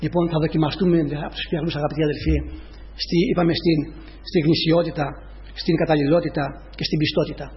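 A man's voice: on the high side, little pitch movement. A man preaching a sermon, repeating his points and rising to emphatic peaks as he addresses the congregation as brothers. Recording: dull lo-fi recording with long reverb.

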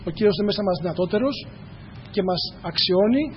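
Guy preaching a sermon, kinda high voice for a man, earnest, keeps repeating himself, dull echoey church recording. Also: a little hiss or hum. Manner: earnest, repetitive, addresses the congregation directly. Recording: echoey hall, dull lo-fi sound.

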